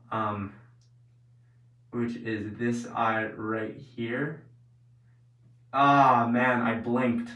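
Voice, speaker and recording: A man's voice: medium pitch, a bit bright, recorded from a distance. A man hosting a vlog, chatting casually and informally as he explains things, often saying "like" and "basically". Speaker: host of an experiment video series. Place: indoors, later in an echoey bathroom. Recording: roomy echo.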